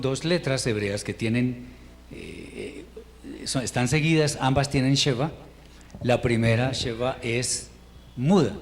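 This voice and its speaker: A man teaches Hebrew reading rules in an unhurried, patient way, stopping to restart his sentences. His voice sits in a middle pitch range. A faint background hiss runs under the recording. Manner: patient, explains step by step with pauses and restarts. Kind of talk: informal language lesson.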